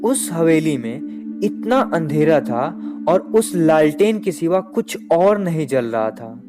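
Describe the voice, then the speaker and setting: A man narrating a first-person horror story in slow, measured storytelling. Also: on the high side, very animated. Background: background music.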